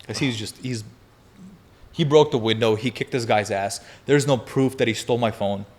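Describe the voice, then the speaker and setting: Laughing through his tale, a podcast guest in his twenties tells a wild story in casual talk, loud with energy and profanity. He has a mid-range voice and speaks at a moderate pace.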